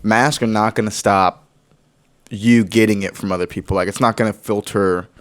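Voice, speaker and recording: A man's voice: lowish voice, steady tone, normal speed, smooth. Young guy on a podcast, chill, curses a lot, just shooting the breeze. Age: young adult. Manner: laid-back, swears a lot, laughs often. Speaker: podcast co-host. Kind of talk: casual chat.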